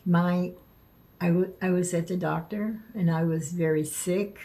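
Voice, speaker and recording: A woman vlogging casually, speaking haltingly and stumbling over words, with the lisping, slurred sound of missing front teeth. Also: fairly low pitch, steady tone, warm tone. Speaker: video creator. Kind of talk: casual spoken vlog, partly reading aloud.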